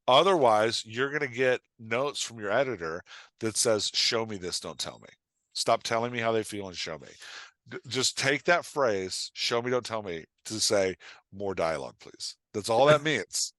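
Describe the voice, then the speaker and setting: A man with a fairly low, bright voice and lively intonation speaks at a normal pace with no room sound, appearing as a podcast guest and writing coach. His advice comes across emphatic and casual, with imagined lines performed aloud and frequent "right?" checks.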